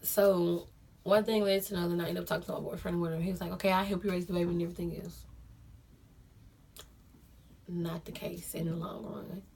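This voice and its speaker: A woman's voice: fairly low pitch, little pitch movement, rapid-fire, creaky, darkish tone, breathy edge. A young woman telling a personal story to viewers, chatty, repeating phrases for emphasis. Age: young adult. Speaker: vlogger. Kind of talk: casual storytime.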